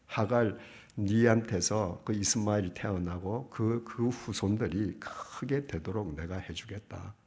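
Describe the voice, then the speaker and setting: A man's voice: lowish voice, measured pace, a little mellow. A man preaching a sermon, reading scripture aloud and putting rhetorical questions to the congregation. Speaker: pastor.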